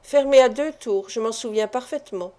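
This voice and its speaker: A woman's voice: on the high side, moderate pace, mellow, close to an everyday voice. A woman reading the lines of a worried middle-aged mother who answers earnestly. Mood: answering.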